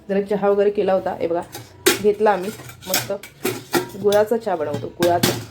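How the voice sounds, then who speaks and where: A chatty family vlogger gives a fast, casual tour of her apartment, moving through the kitchen and by the windows and repeating "look here" as she shows the camera around. Her medium-pitched voice plays against a noisy background, and she's recovering from a cold and fever and feels weak.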